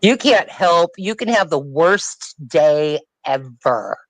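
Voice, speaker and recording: A woman guest on a live-streamed panel chat talks about music, emphatic and opinionated, repeating her points. Her low-pitched voice is animated yet slow, with no echo, though the recording quality is low.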